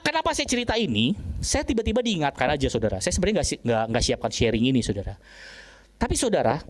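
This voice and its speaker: A male pastor telling a story in a sermon, often turning to his listeners and acting out voices and sound effects. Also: high-pitched.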